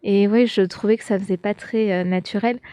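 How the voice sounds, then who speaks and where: A woman's voice: medium pitch, steady tone, brisk, dark tone, clear, resonant tone, no echo. A young woman hosting a podcast, chatting casually as she reads out viewer comments, with lots of fillers and restarts. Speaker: podcast host.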